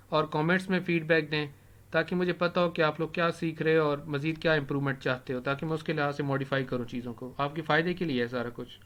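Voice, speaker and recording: Typing as he explains, a male English vocabulary teacher with Urdu as his first language repeats key words slowly. His voice is a little high with a fairly bright tone, and the keyboard clicks can be heard.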